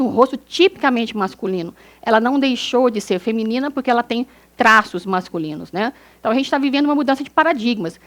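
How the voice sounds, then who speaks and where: A middle-aged woman doctor with a São Paulo Brazilian accent giving a lecture to fellow doctors, asking rhetorical questions and acting out quick examples. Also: a little high. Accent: Brazilian Portuguese, São Paulo.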